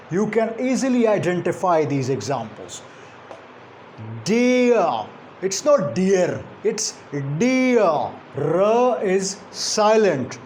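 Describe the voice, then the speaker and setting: A man teaching English pronunciation, speaking deliberately and repeating example sounds slowly. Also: high-pitched, darkish tone, a little hiss or hum. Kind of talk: phonetics lecture.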